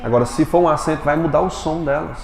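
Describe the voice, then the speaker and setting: A man's voice: a little high, creaky, darkish tone. A man teaches a class, firing short questions at his students and answering them himself. The room rings with echo and a long reverb tail, and a faint hum of ambience sits behind him. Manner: quizzing students with rapid questions. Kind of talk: classroom Portuguese lesson.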